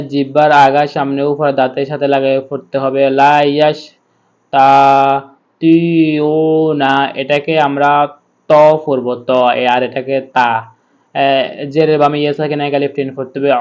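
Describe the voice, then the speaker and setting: A man leads a recitation lesson, breaking each word into syllables before chanting the verses slowly. His speaking voice stays level and even. The recording sounds a bit muffled and lo-fi. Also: medium pitch. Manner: spells syllables letter by letter, patient instruction. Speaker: Quran reading teacher.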